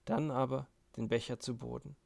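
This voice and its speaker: A brooding young intellectual weighs his ideas with dry irony, as a male reader puts him on. The voice is low and gravelly, measured and cool in its delivery. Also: fairly even intonation, a little mellow. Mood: dismissive.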